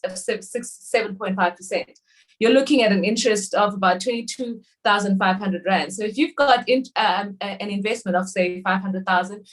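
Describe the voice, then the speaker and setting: Woman, 30s, from South Africa, chatty panelist explaining finances, mid-pitched. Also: poor audio. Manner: talkative, explanatory, frequent restarts and fillers. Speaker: bank panelist. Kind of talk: webinar panel discussion.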